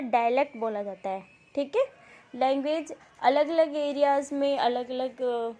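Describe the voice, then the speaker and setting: Female coaching-class teacher, high voice, patient explainer who keeps checking in with students. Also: darkish tone. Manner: reads English passages slowly and deliberately. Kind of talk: exam-prep coaching lecture.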